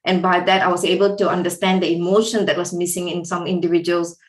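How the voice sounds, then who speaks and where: A woman's voice: fairly low pitch, little pitch movement, fast talker, echoey room, poor audio. A woman from Singapore answering interview questions, hesitant, with many ums. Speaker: guest.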